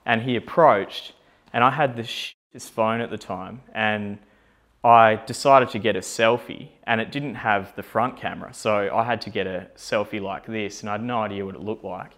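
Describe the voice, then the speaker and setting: A man's voice: lowish voice, normal speed, fairly bright tone. A young man, a company founder, telling a personal story in a casual, candid way, with plenty of fillers and self-deprecating asides.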